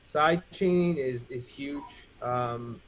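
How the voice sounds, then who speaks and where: A male host runs a casual live chat, mentoring a guest and giving advice on music production with many fillers. His mid-range voice is slow-paced, with a crowd in the background and a rough recording.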